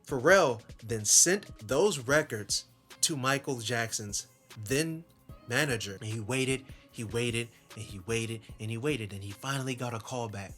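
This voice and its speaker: A man telling a story in a casual vlog, rambling and chatty, with animated asides. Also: medium pitch, a little slow, faint music behind. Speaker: YouTuber.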